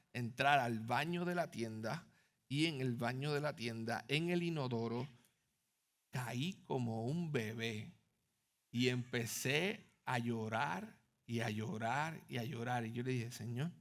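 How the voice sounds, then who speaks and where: A man's voice: a little high, a bit bright. A man in his thirties preaching a sermon, telling a personal story with strong emotion and talking directly to the listeners. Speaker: pastor.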